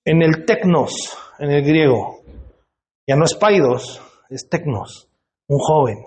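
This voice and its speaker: High-voiced pastor preaching. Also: male voice, lively intonation, slow pace, a little mellow. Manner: conversational preaching, asks the congregation questions. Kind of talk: sermon. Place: church hall.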